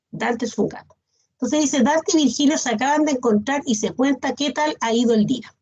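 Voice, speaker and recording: A woman with a high, husky voice and a somewhat dark tone teaches an online class, patiently working through a list of examples and frequently checking in with her students. The sound comes through a video call and has a dull, lo-fi quality.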